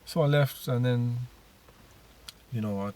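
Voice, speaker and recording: A man's voice: mid-range voice, measured pace, a little mellow, a little hiss or hum. A man telling his personal story in a casual monologue, rambling with many fillers and restarts.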